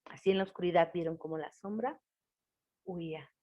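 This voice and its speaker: A woman casual storyteller, chatty and unhurried, dull lo-fi sound. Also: on the low side. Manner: conversational, many fillers, voices quoted characters. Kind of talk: casual spoken folk tale. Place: lives in Tlaxcala. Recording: dull lo-fi recording.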